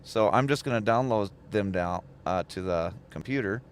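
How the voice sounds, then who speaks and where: A livestream host who also trains truck drivers speaks in a lowish, smooth voice at a moderate pace. He keeps the stream casual and chatty, laughing often as he reads viewer comments aloud.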